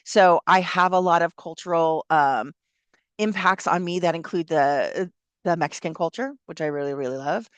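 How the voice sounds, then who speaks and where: With a lowish voice at normal speed and no room sound, a woman casually walks a class through an essay assignment. She's an older college instructor from Southern California, chatty and encouraging, using lots of fillers.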